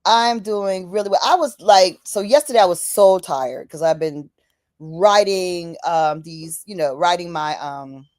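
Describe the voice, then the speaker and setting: A woman's voice: lowish voice, a little slow, darkish tone, dry recording, studio quality. A woman hosting a livestream, talking casually and fervently, repeating phrases for emphasis and calling out to "y'all". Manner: casual, many fillers, says "y'all". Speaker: livestream host. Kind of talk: impassioned livestream talk.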